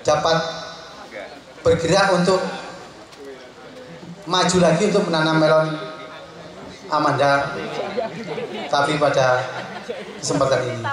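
Middle-aged farmer giving an earnest testimonial. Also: male voice, level tone, a little slow, pauses often. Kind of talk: public testimonial speech. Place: outdoor tent event in a village. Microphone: handheld mic through loudspeakers. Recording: booming PA echo, distant, crowd around.

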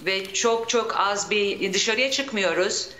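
A woman's voice: mid-range voice, slow pace, pushed and bright, echoey room, a little hiss or hum. Woman calling into a radio show. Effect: radio show caller on a phone line. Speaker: caller to a broadcast from abroad. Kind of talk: casual live phone report. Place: at home.

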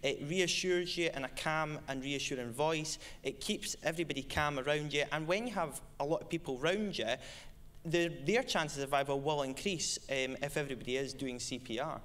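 A man's voice: fairly high pitch, fairly quick, a bit bright. A young man who has won an award, answering questions on stage in a passionate, eager way. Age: young adult. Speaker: award winner. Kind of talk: on-stage interview.

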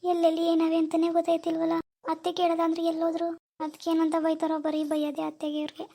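A woman voicing a tearful, homesick young bride, speaking softly. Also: very high-pitched, flat delivery, fast talker, vocal fry, dry recording, studio quality. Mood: sad. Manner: soft, whimpering, plaintive.

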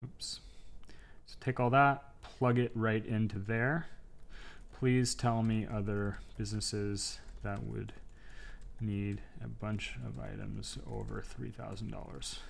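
A young man from Canada with a Canadian accent explains business methods to camera in a dim indoor studio. His voice sits on the low side, upbeat and clear, with casual fillers between points. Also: little pitch movement, takes it slowly. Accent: Canadian English. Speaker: e-commerce educator. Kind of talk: scripted tutorial to camera.

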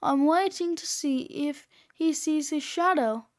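A woman's voice: sits high, unhurried. A woman doing a prankish old grandpa. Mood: teasing.

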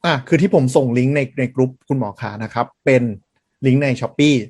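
A man with a middle-pitched voice, chatting casually on a podcast. He jokes around and keeps asking the others questions. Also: a little fast, a little mellow. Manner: jokey, asks questions. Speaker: podcast co-host. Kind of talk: casual chat.

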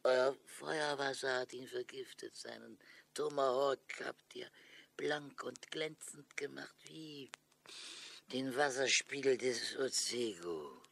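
A man's voice: medium pitch, slow, vocal fry, fairly bright tone, exaggerated voice. A male actor in a German audio drama, playing an old, broken Mohican chief who declaims with weary, bitter dignity. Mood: pleading, bitter.

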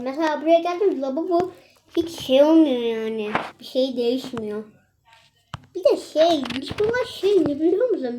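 A woman's voice: high-pitched, warm tone, slight background noise. A young woman chatting casually and exclaiming as she plays a mobile game for her channel. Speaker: gaming channel host.

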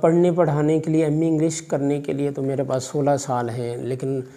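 Flat in delivery and mellow, a little high in pitch, a middle-aged Pakistani college vice principal in his 50s answers interview questions with a Pakistani Urdu accent. He is measured and fatherly, using religious phrasing and hesitant fillers, recorded in an office by a distant camera.

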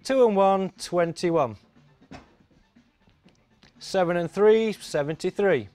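A man's voice: high-pitched, slow, a little mellow, faint music behind. A middle-aged man calling bingo numbers on a TV show in a sing-song, repetitive patter. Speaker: bingo caller. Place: TV studio.

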